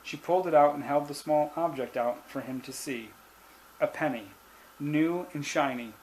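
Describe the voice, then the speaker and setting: A man's voice: a little high, moderate pace, a little mellow, a little hiss or hum, rough recording. A man reading his own short story aloud, lifting quoted lines only a little.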